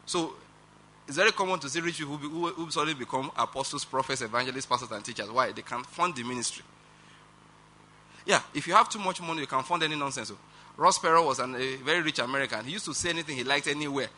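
A man with a Nigerian accent preaching a sermon as pastor, animated and emphatic, with rhetorical questions and chuckles. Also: medium pitch, fast talker, a little hiss or hum.

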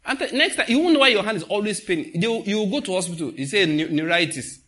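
High-voiced and fast, a man with a Nigerian accent delivers an informal sermon built on stories and jokes. He acts out what people say in animated fashion and now and then slips into Pidgin.

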